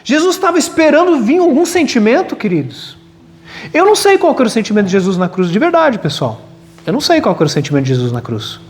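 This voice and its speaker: A male pastor preaching a lively sermon at a church retreat, with humor and acted-out quotes. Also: very high voice, fast. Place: large hall at a retreat. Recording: long hall reverb.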